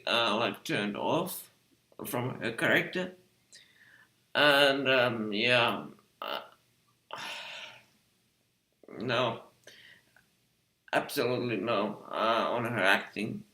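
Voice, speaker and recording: A man giving an exasperated review monologue, halting often with fillers and restarts. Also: mid-range voice, bright, forceful tone, reverberant. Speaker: video reviewer.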